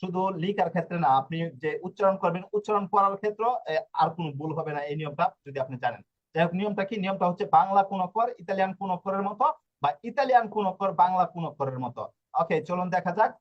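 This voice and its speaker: A man's voice: sits high, rapid-fire, lo-fi sound. A man teaching a language lesson, going over each letter again and again and often stopping to check that students follow. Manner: repetitive, stops to ask "ঠিক আছে?". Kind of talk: teaching Italian letters to Bengali speakers.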